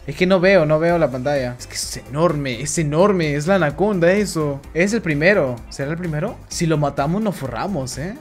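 A man talks through a game he is streaming live. He swears constantly and swings into loud, shouted outbursts. Faint music plays quietly under his voice. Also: a little high, moderate pace, hardly any pauses. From Peru. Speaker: gaming streamer. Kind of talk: live gameplay commentary.

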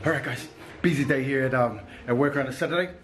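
Talking fast over loud music, this thirtysomething vlogger from Samoa has a mid-range voice and an upbeat, casual style, ending lines with "yo." He holds the camera close as he goes from his parked car to the hair salon he owns.

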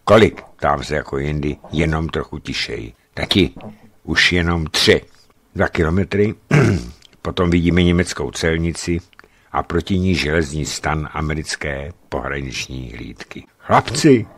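A man reading a travel memoir aloud as scripted narration, lively, voicing the dialogue with a raised pitch. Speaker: reader. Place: studio.

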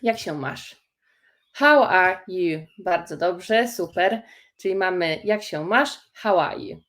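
A woman teaching English phrases in a live stream, slow and encouraging as she reads out viewers' comments. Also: on the low side. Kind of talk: live-streamed language lesson.

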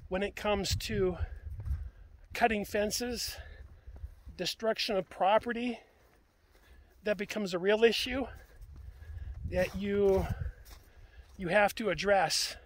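A man's voice: high-pitched, fairly even intonation, slow pace, long pauses. A man vlogging outdoors while walking his land, out of breath and plainspoken, repeating phrases for emphasis. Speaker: homestead vlogger. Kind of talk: casual outdoor vlog.

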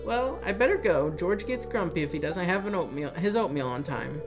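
A man's voice: high voice, expressive, fairly quick, music in the background. A man voicing a kindly, doting elderly grandmother in a video game playthrough, cooing and affectionate. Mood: chatty.

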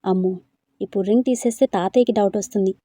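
A woman reading a storybook, voicing a stubborn, quick-tempered young woman with sharp, scolding retorts. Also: mid-range voice, steady tone, no room sound, studio quality, close to an everyday voice. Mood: fuming.

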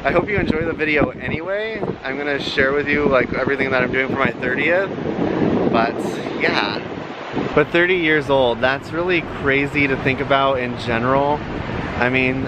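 A man's voice: medium pitch, background noise. Man just turned thirty, vlogging to a handheld camera. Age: 30s. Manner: chatty, self-conscious, laughs often. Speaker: vlogger and nurse. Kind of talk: casual travel vlog. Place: outdoors at the beach and around town, also a hotel room. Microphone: handheld camera at arm's length. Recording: music playing underneath.

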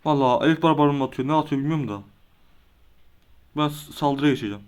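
A young man with a fairly high voice talks through a match as he plays. He is quick to lose his temper, groaning and cursing at his opponent between quick remarks about his moves. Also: clean tone. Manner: hot-tempered, swears and groans in frustration. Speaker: gaming video creator. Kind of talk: casual live commentary while playing a game.

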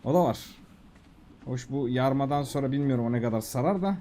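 A man giving casual, excitable commentary while playing a video game, talking to himself and the creatures on screen. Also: medium pitch, a little fast, slight background noise. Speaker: gaming YouTuber.

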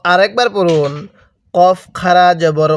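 Slow, high-voiced male Quran teacher. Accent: Bangladeshi Bengali. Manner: patient, repeats each letter slowly and asks the viewer to read along. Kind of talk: slow recitation lesson with call-and-repeat drills.

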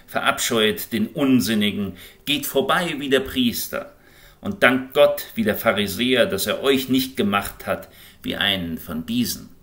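A man reading an audiobook in an expressive, impassioned way. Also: lowish voice. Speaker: audiobook reader. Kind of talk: scripted audiobook narration.

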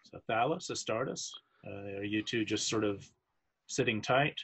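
A man narrating as dungeon master, talking in halting bursts with many restarts and easy laughter. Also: fairly low pitch, a bit bright. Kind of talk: narrating a tabletop game.

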